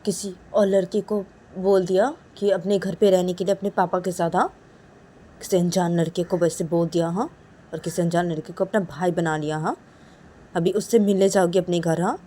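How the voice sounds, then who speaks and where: A woman's voice: on the low side, fairly even intonation, moderate pace, warm tone, voice pushed down, lightly acted. A woman voicing a jealous, nagging young woman. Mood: accusing. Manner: nagging accusations ending in a questioning "haan?". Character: suspicious, accusing young woman, jealous and stubborn. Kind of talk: one-woman voiced romance story.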